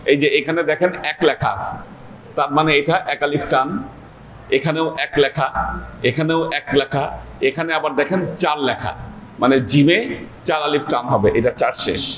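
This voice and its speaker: A man's voice: fairly high pitch, normal speed, pauses often, a bit bright. A man teaching a pronunciation class, patiently repeating letter sounds for his students. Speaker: Sufi teacher leading a weekly class. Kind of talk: Quran pronunciation lesson. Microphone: livestream camera mic. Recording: echoey room with faint noise.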